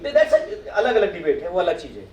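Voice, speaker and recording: High-voiced man addressing an audience. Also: huge pitch swings, moderate pace, darkish tone. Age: middle-aged. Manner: asks the audience questions and acts out their replies. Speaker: speaker at a professional meet. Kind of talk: motivational talk to an audience. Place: meeting hall with audience. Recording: echoey hall, mic from far off.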